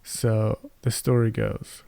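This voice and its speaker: Gravelly man telling a family story. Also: fairly low pitch, little pitch movement, slow pace, warm tone, no echo. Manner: rambling, many fillers and restarts. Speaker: podcast co-host. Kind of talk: casual storytelling chat. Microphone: close podcast mic.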